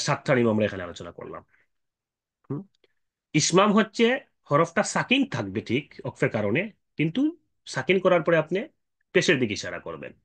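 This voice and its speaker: A man teaching Quran recitation rules, explaining patiently with fillers and checking questions, and chanting drawn-out examples. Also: fairly high pitch. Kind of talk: explanatory tajweed lesson.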